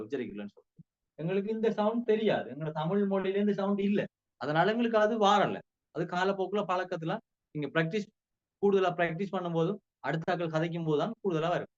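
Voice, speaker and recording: A man with a Sri Lankan Tamil accent giving a casual spoken language lesson, repeating words slowly for drill. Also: sits high, highs cut off. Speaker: language teacher.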